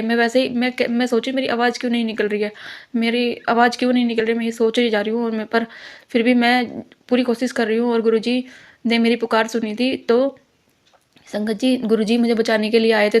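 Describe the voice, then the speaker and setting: A young woman giving an earnest devotional testimony, rambling with many restarts. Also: fairly high pitch.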